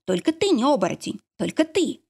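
A woman voicing a stern, outraged werewolf mother who accuses and shouts, in an audiobook reading. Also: high-pitched, big pitch swings, brisk, vocal fry, breathy edge, pitched above the performer's own voice, full character voice.

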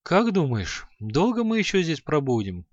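A man's voice: on the high side, sing-song, moderate pace, no echo, voice pushed up. A man voicing an easygoing good-natured young apprentice. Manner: mild, agreeable. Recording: slightly dull audio.

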